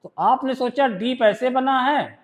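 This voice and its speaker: A man with an Indian accent teaching a shorthand lesson, explaining rules step by step and often checking whether his students have understood. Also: very high-pitched. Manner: reads rules aloud in English slowly, then explains in Hindi. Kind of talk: classroom lesson.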